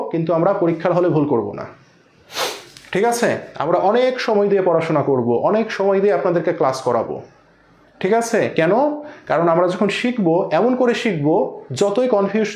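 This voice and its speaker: A male accounting teacher with a high voice lectures an online class. He repeats every step, asks the students rhetorical questions and answers them himself. The room around him is echoey. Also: a little mellow. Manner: addresses students as brother.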